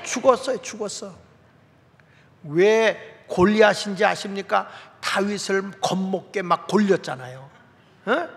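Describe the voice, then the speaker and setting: A man's voice: sits high, unhurried, creaky. A male pastor preaching a sermon in a folksy way, asking the congregation questions as he goes. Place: church sanctuary. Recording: long reverb of a large hall.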